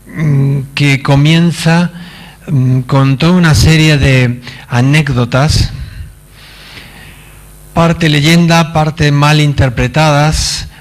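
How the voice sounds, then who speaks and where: A man from Argentina, giving a conference talk in a halting manner with many fillers and wry asides. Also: a little high, fairly even intonation. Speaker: conference speaker. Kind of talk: lecture. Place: conference stage.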